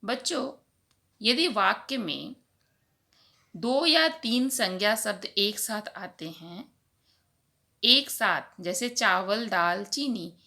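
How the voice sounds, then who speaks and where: Woman teaching little kids grammar, slow and careful, kinda gravelly, bright tone. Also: medium pitch. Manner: slow, deliberate teacher talk addressing children. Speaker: primary school teacher. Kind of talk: grammar lesson for children.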